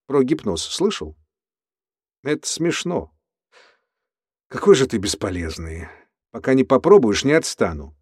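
A man's voice: medium pitch, very animated, unhurried, pauses often, slightly rough, no echo. Male narrator doing an erratic prison cellmate, audiobook, preachy and volatile, dry booth sound. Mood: lecturing. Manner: lecturing, then erupting into shouts. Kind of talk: audiobook character voice.

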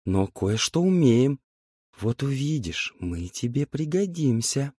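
A man's voice: mid-range voice, sing-song, slow, mellow, husky, dry recording, studio quality, pitched above the performer's own voice, heavily acted. A man voicing young concubines who whisper coaxingly, in an audiobook.

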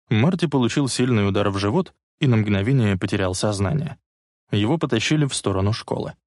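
A man reading a novel aloud in an even, measured storytelling manner. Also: on the low side, no echo, clean studio sound. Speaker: audiobook narrator. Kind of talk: scripted narration.

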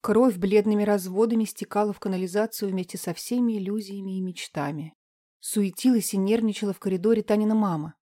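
A woman reading a novel aloud in a calm, measured and subdued manner. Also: mid-range voice, dry recording, studio quality. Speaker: audiobook narrator. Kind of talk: scripted narration.

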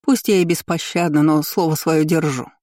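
A male narrator raising his voice into a cruel empress who taunts and gloats over her captive, lilting and sing-song, pitched well above his usual tone. The sound is dark and mellow, recorded close and dry, like a storybook villain savoring every word. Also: steady tone, moderate pace, no echo, lightly acted. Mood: gloating. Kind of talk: audiobook character voice.

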